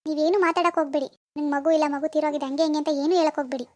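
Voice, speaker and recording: A woman voicing a calm doctor in a cartoon, explaining patiently and reassuring the worried parents. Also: sits high, racing, no room sound, close to an everyday voice. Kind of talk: Kannada cartoon voice acting.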